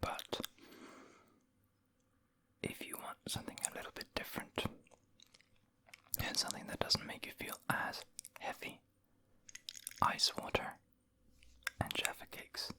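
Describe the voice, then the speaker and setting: A person whispering an ASMR food review in a breathy, unvoiced voice, savoring and unhurried, close to the microphone. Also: sharp tone. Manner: savoring, unhurried, with eating and mouth sounds. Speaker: ASMR video creator and host.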